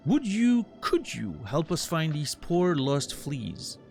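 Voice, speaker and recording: A man plays a grandiose flea caravan master for a video game. The delivery is that of a courtly showman, flowery and theatrical, with pitch that swoops widely. Music plays behind. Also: very animated, slow, creaky, darkish tone, exaggerated voice. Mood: earnest, worried. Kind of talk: dramatic read-aloud of video game dialogue.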